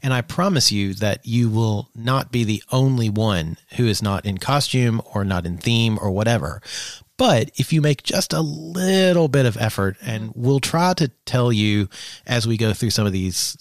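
A man's voice: mid-range voice, normal speed, dry recording, clean studio sound. A man co-hosting a podcast in casual chat, with jokey, wry asides. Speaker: podcast co-host.

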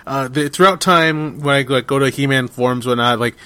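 A man in his forties hosts a casual podcast chat, rambling through animated stories and restarting his sentences often. His voice sits at an ordinary middle pitch, recorded dry and close with no room sound. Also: fairly quick, no echo. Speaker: podcast host.

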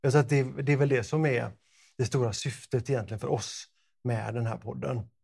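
Male podcast co-host, gravelly, playful banter. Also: mid-range voice, fairly even intonation, a little mellow. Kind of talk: casual chat.

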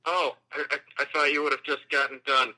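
A man's voice: mid-range voice, flat delivery, fairly quick, sharp tone. A man calling in, heard over the phone on speakerphone with a friendly, laid-back manner. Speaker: caller. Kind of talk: casual chat. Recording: tinny phone line on speaker.

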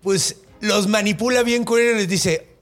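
A man's voice: high-pitched, moderate pace. A man with a Mexican accent hosting a podcast, telling a story casually with lots of slang and swearing. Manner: slangy, profane, animated. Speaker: podcast host.

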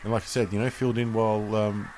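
Aussie bloke on a footy podcast, lowish voice, chatting over the game, bit of background noise. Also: male voice, little pitch movement, fast, a little mellow. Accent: Australian. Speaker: sports podcast host. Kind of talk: casual live football commentary chat.

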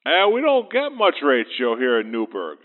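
A man leaving a rambling, halting voicemail over a landline phone, full of fillers. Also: medium pitch, wildly swooping pitch. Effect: heard over a landline phone. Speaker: phone-in caller. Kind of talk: voicemail message to a radio show. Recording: tinny phone line.

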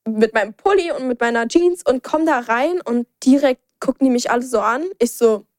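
A woman's voice: fairly high pitch, moderate pace, no echo, studio quality. A young woman hosting a podcast, chatting casually and acting out the voices of the people in her stories. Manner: animated storyteller, acts out quoted dialogue. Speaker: podcast host. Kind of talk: casual chat.

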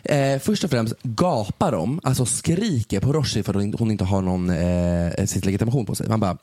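A man's voice: on the low side, mellow, no echo. Joking man reacting in chat, dry sound. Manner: eggs on with short reactions and jokes. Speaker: podcast co-host. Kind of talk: casual chat.

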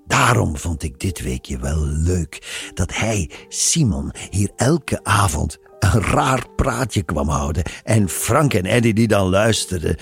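A man's voice: deep voice, lively intonation, takes it slowly, gravelly, faint music behind. A man narrating a story in a reflective, musing way. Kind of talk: scripted narration of a radio story.

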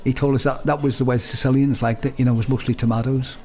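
A man's voice: medium pitch, little pitch movement, quick pace, a little mellow. A man co-hosting a podcast, chatting casually and rambling with lots of restarts. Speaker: podcast co-host. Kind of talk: casual chat.

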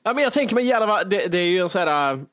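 A man's voice: sits high, animated, fairly bright tone, no room sound. A man, co-hosting a podcast, telling a rambling, self-mocking story with many restarts. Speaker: podcast co-host. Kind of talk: casual storytelling.

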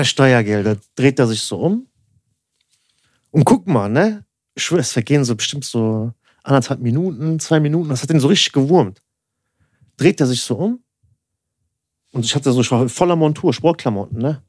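Speaking at normal speed with long pauses, this young man co-hosts a podcast and wanders through a story, stuffing it with "so" and "ne" and performing both parts of quoted exchanges. His medium-pitched voice is lively, a little mellow and slightly rough, recorded clean in a studio with no room sound.

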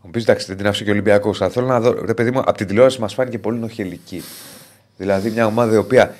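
A man hosting a sports podcast, keeping the talk on track, often trailing off softly. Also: fairly low pitch, steady tone. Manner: tries to keep order, drops quiet at ends of phrases. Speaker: podcast host. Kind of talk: sports chat.

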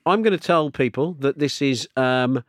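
Guy hosting a podcast, casual, mid pitched voice, close dry mic. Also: moderate pace, no room sound. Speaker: podcast host.

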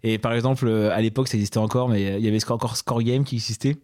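A young man co-hosting a podcast, telling stories in a fast, chatty way with lots of fillers. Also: lowish voice, fairly even intonation, a little mellow, no room sound. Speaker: podcast co-host. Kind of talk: casual chat.

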